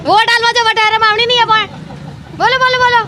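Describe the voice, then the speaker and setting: A woman street reporter, firing quick questions at locals outdoors. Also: very high-pitched, flat delivery. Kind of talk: vox pop street interview. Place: outdoors in a busy town street. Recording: loud crowd outdoors.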